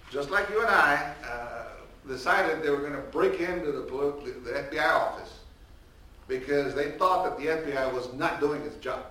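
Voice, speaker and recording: The older professor's fairly high voice, tinged with slight hiss or hum, carries loudly through a large echoing hall as he speaks on a panel without amplification. He restarts sentences constantly and fills gaps with fillers in a conversational lecture, captured far from the mic with roomy echo and faint ambience.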